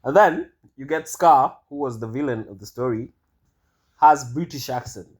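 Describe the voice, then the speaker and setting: A man's voice: medium pitch, normal speed. A man giving casual monologue commentary, rambling and hesitant with many fillers and restarts. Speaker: vlogger.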